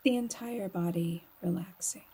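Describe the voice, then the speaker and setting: This woman, a yoga nidra guide, has a lowish voice that she keeps soft, breathy, and frequently near a whisper. She leads a slow meditation in a calm, soothing manner, pausing at length.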